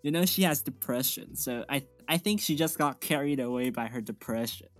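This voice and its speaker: A young man, chatting on a podcast and telling a school story in a loose, conversational way. His voice has a mid pitch. Quiet music plays underneath. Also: brisk. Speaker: podcast co-host. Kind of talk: casual chat.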